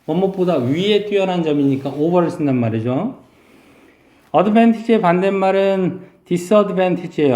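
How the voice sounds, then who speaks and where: A male English teacher giving a vocabulary lesson, explaining slowly and drawing out English words to model their pronunciation. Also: on the high side, warm tone, roomy sound.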